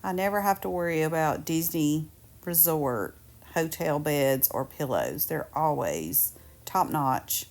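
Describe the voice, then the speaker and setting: A woman's voice: sits low, animated, unhurried, darkish tone. A woman giving casual, upbeat vlog narration in a chatty way. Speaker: travel vlogger.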